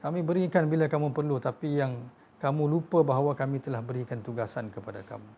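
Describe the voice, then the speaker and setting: A fast-speaking man with vocal fry and a medium pitch preaches a sermon, heard on dull audio. His Malaysian Malay accent carries emotional storytelling in which he voices quoted figures and speaks to the audience as tuan-tuan.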